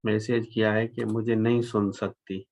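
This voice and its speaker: An older man with a Pakistani accent teaches English in a live online class over a computer microphone, with a little hiss or hum audible. His slightly mellow voice is fairly low with little pitch movement and a moderate pace. He switches between Urdu-Hindi and English, repeats phrases, and draws out example sentences.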